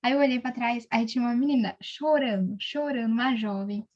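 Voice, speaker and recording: A young woman with a Brazilian accent telling a faith testimony in casual chat, animated, with many fillers. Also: on the high side, fairly quick, muffled recording. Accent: Brazilian Portuguese. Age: young adult.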